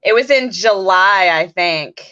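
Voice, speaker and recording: A woman's voice: medium pitch, lively intonation, measured pace, bright, forceful tone, muffled recording. A woman chatting casually as a guest over a video call, talkative and full of fillers. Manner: chatty, laughs often, fillers like "like". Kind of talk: casual chat.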